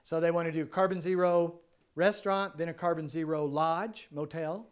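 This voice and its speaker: A man presenting a seminar, answering audience questions in a relaxed, joking, rambling way, his voice going hoarse. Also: a little high, moderate pace. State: losing his voice. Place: seminar room.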